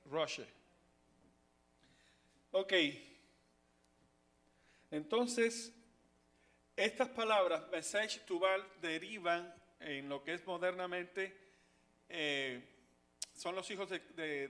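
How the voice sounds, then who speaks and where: A man teaching a Bible study class, talking haltingly with many fillers and restarts and asking the class questions. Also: on the high side, fairly bright tone.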